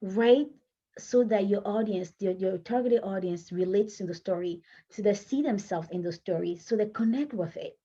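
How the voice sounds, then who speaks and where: A French-speaking woman coaches writers in a casual talk to camera, chatty and correcting herself, laughing between points. Her mid-range voice is mellow with a breathy edge at a normal pace, and the recording has its highs cut off.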